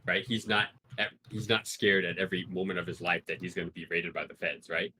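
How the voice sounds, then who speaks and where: Deep husky man arguing on a call. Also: level tone, brisk, bright, forceful tone. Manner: questioning, arguing by rhetorical questions. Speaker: discord call participant. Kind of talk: casual chat.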